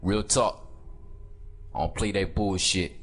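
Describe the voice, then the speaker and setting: A man voicing an aggressive, protective father deer in a comedic animal voiceover, talking in profane, confrontational street slang with a husky voice. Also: sits low, fairly even intonation, slow pace, exaggerated voice. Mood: indignant, threatening.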